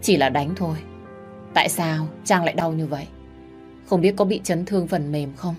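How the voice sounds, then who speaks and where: A man's voice: a little high, moderate pace, soft background music, close to an everyday voice. A woman playing Quân, a frantic protective young man. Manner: urgent and commanding. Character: protective young man, fierce and frantic over his hurt lover.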